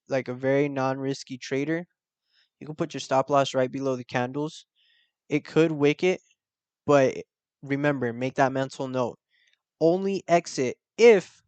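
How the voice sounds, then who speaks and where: Young guy talking thru chart setups casually, clear resonant voice, medium pitch. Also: a little mellow, no echo. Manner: casual, explaining step by step with slang and check-ins. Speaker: forex trading channel host. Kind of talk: casual screen-recorded trading tutorial.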